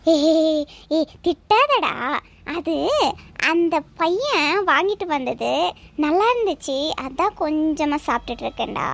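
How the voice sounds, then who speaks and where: A woman's voice: sits high, animated, unhurried, gravelly, full character voice. A woman voicing a stubborn middle-aged cartoon mother who sneaks sweets and scolds her son. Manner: defiant, whining, scolding. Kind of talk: cartoon voice acting.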